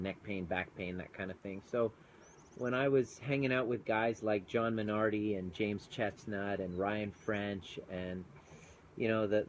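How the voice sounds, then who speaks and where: With a fairly low pitch and a little hiss or hum on the audio, a Canadian man, a former chiropractor now coaching, chats earnestly on a live phone video outside with mountains in view, saying hello to viewers mid-thought.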